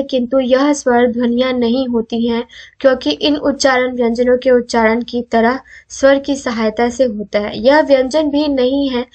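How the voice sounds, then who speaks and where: A young woman teaching Hindi grammar for exams. She asks questions and answers them herself, and sounds out letters slowly so students can repeat them. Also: high-pitched. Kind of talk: exam-prep video lesson.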